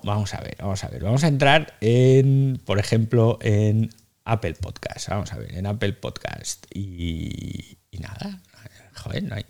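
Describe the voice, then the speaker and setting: A man with a Spain Spanish accent hosts a loose live audio chat, talking into a phone mic. He is chatty and self-mocking and drops casual swears. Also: on the low side. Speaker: podcast host.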